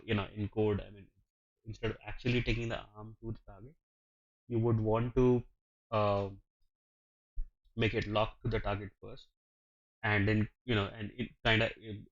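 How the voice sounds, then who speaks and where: A man's voice: fairly low pitch, a bit bright, muffled recording. A man with a nasal, congested voice from being sick, reading a development blog aloud on a live stream and adding hesitant asides. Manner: reads aloud, then adds hesitant asides with many fillers. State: congested, under the weather.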